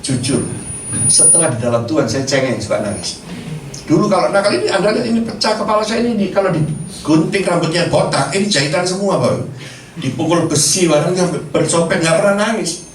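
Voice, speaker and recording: A middle-aged man, preaching and telling a lively personal story, acting out the dialogue. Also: fairly high pitch, a little fast, recorded from a distance. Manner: storytelling, animated, acts out dialogue, laughs often. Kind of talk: sermon with personal testimony. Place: church hall. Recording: echoey hall, mic from afar, faint noise.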